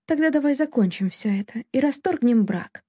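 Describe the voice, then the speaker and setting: Give me a woman playing a scared yet defiant young bride in an audiobook romance. She sounds tense and pleading and sits higher than the narrator. The tone stays warm and the recording is dry. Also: lively intonation, normal speed, husky, no echo. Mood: взволнованно.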